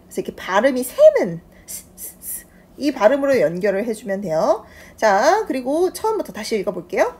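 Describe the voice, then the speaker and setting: A woman's voice: a little high, very animated, fairly quick, a little mellow, breathy edge. A woman with a Korean accent, teaching an English lesson and explaining phrases patiently, step by step.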